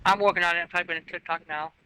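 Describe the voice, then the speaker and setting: A man's voice: sits high, steady tone, racing, sharp tone, clean tone, low-quality recording. A man chatting casually while working a console, muttering to himself as he goes. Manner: muttering to himself as he works through menus. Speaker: co-host of a show review. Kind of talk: casual chat while using a game console.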